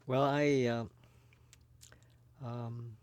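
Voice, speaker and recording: A man in his eighties, from California, recalling his childhood for an oral history recording, halting often with fillers. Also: mid-range voice, flat delivery, smooth, dry recording. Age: 80s. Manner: hesitant, many fillers. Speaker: interviewee. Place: recording booth.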